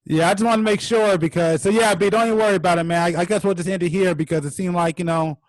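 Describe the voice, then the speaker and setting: A man hosting a casual podcast chat, relaxed and joking, often laughing. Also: high voice, quick pace, no echo. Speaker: podcast host.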